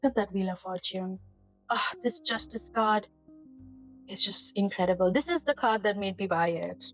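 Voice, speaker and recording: A woman's voice: medium pitch, moderate pace, poor audio. A woman talks to camera from her home kitchen, her voice sitting mid-range for a woman. She rambles earnestly about what she loves, drifting into feeling and back out. Faint guitar music sits behind her. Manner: rambling, earnest, gets emotional and laughs. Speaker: tarot channel host. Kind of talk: casual chat to camera.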